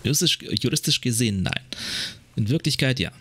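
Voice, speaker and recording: A man's voice: medium pitch, animated, fairly quick, fairly bright tone, breathy edge. A man voicing a tense woman bartender in a video game, reading her lines aloud with curt, defensive replies. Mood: guarded.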